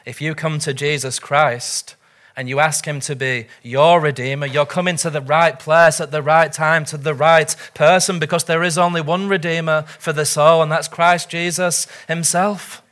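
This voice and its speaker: Pastor guy preaching hard, kinda high voice, keeps asking the congregation questions. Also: fairly even intonation, moderate pace, fairly bright tone. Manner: earnest, urgent preaching with rhetorical questions. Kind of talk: sermon.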